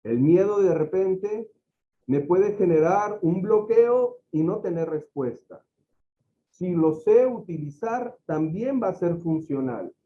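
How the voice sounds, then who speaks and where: A man's voice: sits high, lo-fi sound. A man giving a lecture to teachers, explaining ideas through everyday examples and acting out quoted speech. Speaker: facilitator of a teacher-training talk.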